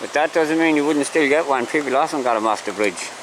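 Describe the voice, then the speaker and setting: A man's voice: on the high side, a little fast. A man with an Irish accent chatting casually and folksily to viewers in a rambling outdoor fishing vlog. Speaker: fishing vlogger. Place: outdoors along a river. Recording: outdoor ambient noise, riverside. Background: clear outdoor ambience.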